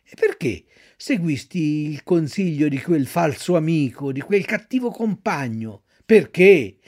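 A woman voicing a kindly little female marmot who gently consoles and explains with sympathy. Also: low-pitched, expressive, a little slow, pitched below the performer's own voice. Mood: consoling.

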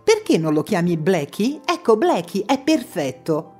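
An insistent mother nags and coaxes firmly in a storybook reading, as a woman plays her. Her tone is low, soft and mellow. Faint music runs under the voice. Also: very animated, unhurried, husky. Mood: coaxing. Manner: firm, coaxing, pushy. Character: insistent, nagging middle-aged mother on the phone. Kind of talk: audiobook reading.

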